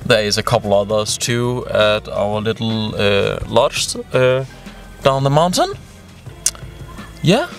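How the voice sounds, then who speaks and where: A man's voice: lowish voice, expressive, slow pace, faint music behind. A young man from Denmark, a native Danish speaker, chatting casually with a hesitant manner and many fillers. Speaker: volunteer. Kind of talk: casual group chat.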